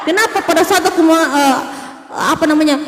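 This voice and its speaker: A woman acts out a sorrowful male prophet who bemoans his failures in a mocking, laughing lament. The voice sits high and rings in an echoey room with a long reverb tail. Steady noise hums underneath. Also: brisk, over a noisy crowd. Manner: mock-lamenting, laughing through it.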